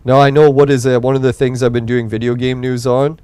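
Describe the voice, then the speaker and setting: A young man rambles through casual gameplay commentary on his gaming podcast, swearing and relaxed, his voice fatigued late at night. His medium-pitched voice is level, a little fast, darkish, clear and resonant, on a dry recording.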